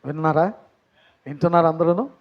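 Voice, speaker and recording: A man's voice: on the high side, fairly quick, lo-fi sound. A man preaching a sermon as pastor, telling a story and putting questions to the congregation. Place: church.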